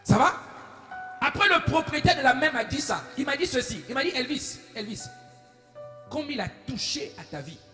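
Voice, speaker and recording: A man preaching a sermon as a pastor, telling a story, swinging between hushed asides and shouted declarations. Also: extremely high pitch, expressive, moderate pace. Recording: echoey room with faint music.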